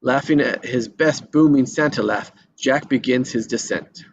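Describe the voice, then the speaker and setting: At a table read, a man reads a screenplay's stage directions, occasionally stumbling and repeating words. His mid-range voice moves at a measured pace, with vocal fry and a breathy edge. The lo-fi recording sounds dull and carries background noise.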